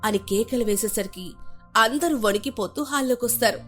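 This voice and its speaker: A woman narrating an animated family story in a dramatic storytelling manner. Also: a little high, normal speed, soft background music.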